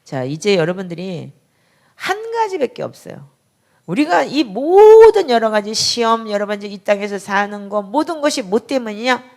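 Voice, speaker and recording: A middle-aged woman pastor giving a sermon in a conversational, emphatic way, with sudden loud outbursts. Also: mid-range voice, very animated, normal speed.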